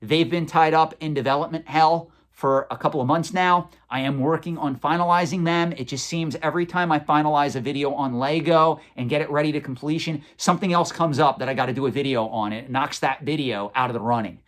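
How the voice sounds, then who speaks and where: A man's voice: fairly high pitch, fairly even intonation, fairly quick, hardly any pauses. A man in his forties hosting a collectibles channel, answering viewer questions in a conversational, opinionated and sometimes sarcastic way.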